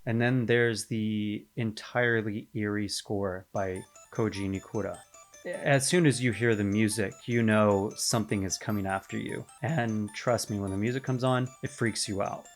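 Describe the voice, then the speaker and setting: A man with a somewhat low voice talks casually through a video essay. He walks through each point in order and drops in conversational asides. Faint music plays softly underneath. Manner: conversational, explains step by step with asides. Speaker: gaming video host.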